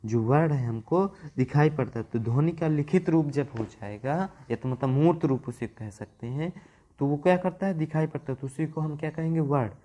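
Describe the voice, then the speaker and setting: In a classroom lecture on Hindi grammar, a man speaks at normal speed in a warm, somewhat high voice. His style is repetitive: he returns to key terms, draws out words to stress them, and answers his own questions.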